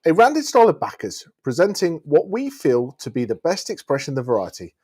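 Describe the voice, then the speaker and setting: A man presenting wine, reading sommelier-style tasting notes aloud in a measured, descriptive way. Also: on the high side, huge pitch swings, darkish tone, husky.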